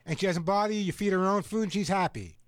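A male talk radio host chats casually with his callers and listeners. His voice is high for a man and the sound is very dry. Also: fast talker, no room sound.

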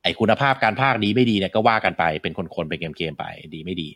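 A man's voice: low voice, lively intonation, fast talker, fairly bright tone, dry recording. A man hosting a casual talk about video games, rambling with many fillers and restarts. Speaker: game podcast host. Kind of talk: casual game discussion.

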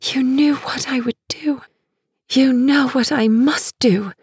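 A woman voicing a young heroine torn between vengeance and love, whispered role-play, tiny and soft. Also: high-pitched, fairly even intonation, takes it slowly, slightly rough, dry recording, voice pushed up, full character voice. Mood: pleading. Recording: dry close studio sound.

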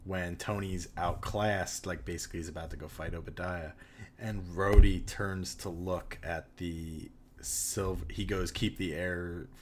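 A man co-hosting a podcast in casual chat, telling excited fan memories and swearing now and then. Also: low voice, measured pace, slight background noise. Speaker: podcast co-host.

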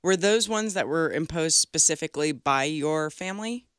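A woman co-hosting a conversational interview asks short, direct questions. Her voice is very low for a woman. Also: lively intonation, moderate pace, fairly bright tone, clean tone. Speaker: podcast co-host.

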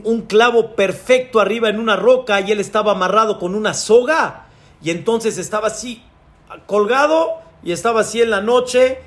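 High-voiced, slow-speaking preacher. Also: male voice. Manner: dramatic storyteller, acts out voices. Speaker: rabbi. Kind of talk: sermon with dramatized story.

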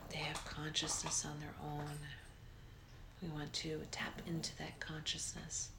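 A woman guiding a meditation in a soft, breathy near-whisper, slow and soothing, with long pauses. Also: low-pitched, completely flat delivery, background noise. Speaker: meditation guide.

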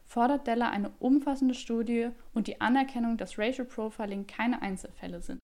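A woman's voice: a little high, a little fast, dark tone. A woman reading a scripted report formally, like a news item.

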